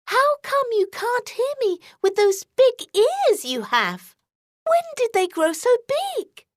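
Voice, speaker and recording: A woman's voice: very high-pitched, very animated, takes it slowly, dry recording, clean studio sound, pitched above the performer's own voice, exaggerated voice. A woman voicing a bold, outspoken little girl in a children's story, exclaiming pertly. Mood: pert, inquisitive.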